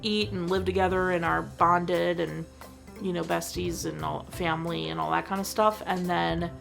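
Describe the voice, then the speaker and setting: Chatty woman with a lowish voice. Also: fairly even intonation, normal speed, creaky, a bit bright, faint music behind. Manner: chatty and enthusiastic, lots of "like". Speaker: host. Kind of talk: casual movie review.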